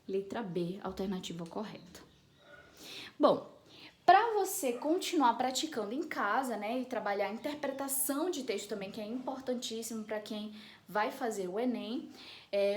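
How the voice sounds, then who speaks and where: A woman's voice: a little high, a little mellow. A woman with a Brazilian accent teaching an online class, explaining step by step and often checking in with her students. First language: Portuguese. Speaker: Spanish teacher.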